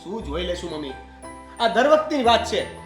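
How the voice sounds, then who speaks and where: A man's voice: sits high, very animated, moderate pace, soft background music. An actor playing an unemployed young man who complains sulkily about his sister-in-law. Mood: grumbling. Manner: sulky, complaining. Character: idle grumbling young man, unemployed son. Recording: echoey room.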